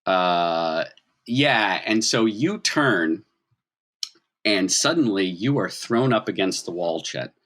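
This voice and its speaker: A man serves as game master for a tabletop game, improvising narration and explaining scenes conversationally. His low voice is expressive, slow and fairly bright in tone, and he keeps checking in with "right?"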